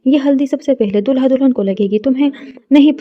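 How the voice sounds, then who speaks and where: A woman doing sharp-tongued young woman, brisk, scolding, high voice, lo-fi. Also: close to an everyday voice.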